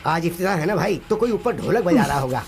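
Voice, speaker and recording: A man's voice: high voice, lively intonation, fast talker, darkish tone. An actor playing a jittery, joking male younger brother in dubbed film dialogue.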